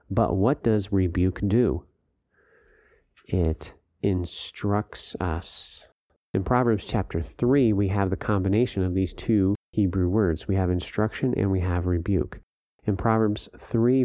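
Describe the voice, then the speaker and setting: A man's voice: low voice, mellow, no room sound, clean studio sound. A man co-hosting a podcast, teaching from scripture and asking rhetorical questions. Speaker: podcast co-host. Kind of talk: bible teaching discussion.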